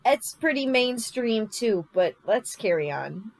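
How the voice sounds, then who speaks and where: A woman's voice: a little high, sing-song, slow, creaky, rough recording. A woman co-hosting a podcast in a Wisconsin accent, chatting casually in a giggly, self-mocking way. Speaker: podcast co-host. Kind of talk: casual chat.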